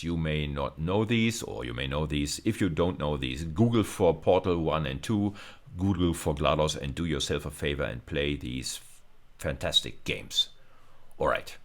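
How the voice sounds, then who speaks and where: A university teacher with a bass voice gives an explanatory technical lecture, working through it step by step with hesitant repetitions.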